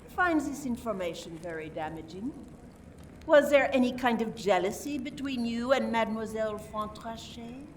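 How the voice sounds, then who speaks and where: In an amateur radio mystery, a woman acts a theatrical French lady police inspector who is suspicious and accusing, speaking with deliberate drama. Her voice is fairly high, animated and natural, a little far from the mic with faint background noise.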